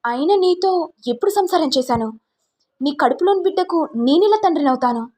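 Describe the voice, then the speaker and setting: A woman's voice: sits high, expressive, a little fast, mellow, pitched above the performer's own voice. A woman voicing a flustered young husband who denies an accusation. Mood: defensive. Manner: defensive, exasperated.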